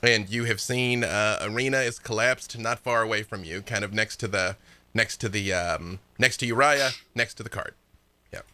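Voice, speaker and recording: Guy game mastering a tabletop rpg, really bright punchy voice, chatty and animated. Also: lowish voice, moderate pace. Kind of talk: casual tabletop game narration.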